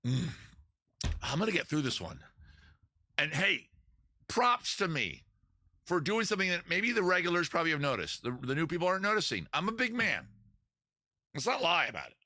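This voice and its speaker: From under a small outdoor rain tent, a male singer-guitarist hosts a live-streamed beer-and-songs show, rambling, poking fun at himself, and chatting with viewers between songs. His fairly high voice is bright and forceful, swings hugely in pitch, and moves at a normal speed with frequent pauses. He uses a live-stream microphone, with guitar in the background.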